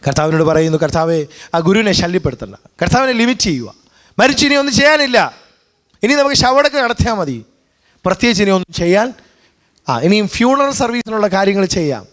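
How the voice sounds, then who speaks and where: Man, pastor, Malayali accent, high voice, bilingual sermon, frequent hallelujahs. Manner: preaching with repeated hallelujahs and amens, switching between two languages.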